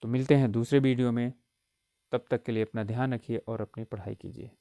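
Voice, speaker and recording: Male tutor, exam-prep lecture, clear resonant tone, repeats points and checks in often. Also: mid-range voice, steady tone, brisk, dark tone, no room sound. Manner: explains patiently with frequent "ठीक है" check-ins; repeats key points for emphasis. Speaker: Hindi grammar teacher.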